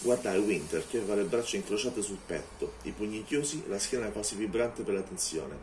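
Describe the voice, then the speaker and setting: A man reading an audiobook in steady, measured narration. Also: fairly low pitch, a little hiss or hum.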